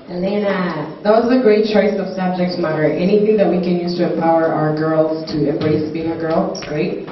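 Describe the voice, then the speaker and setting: A woman's voice: fairly low pitch, fairly even intonation, normal speed. A woman judging a talent show, giving encouraging feedback and practical coaching tips to a contestant. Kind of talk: live spoken feedback to a contestant. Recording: echoey hall, distant dull microphone, faint noise.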